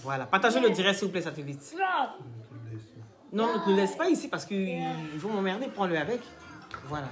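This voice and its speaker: A woman hosting a live stream, teasing and scolding commenters in a chatty way and pitching products to viewers. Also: expressive, moderate pace, pauses often, music in the background. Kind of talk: casual live-stream chat and sales pitch.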